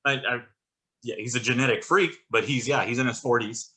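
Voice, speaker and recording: A man's voice: medium pitch, steady tone, brisk, pushed and bright. A man co-hosting a podcast in casual chat, giving blunt and exasperated opinions. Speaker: podcast co-host. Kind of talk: casual chat about wrestling.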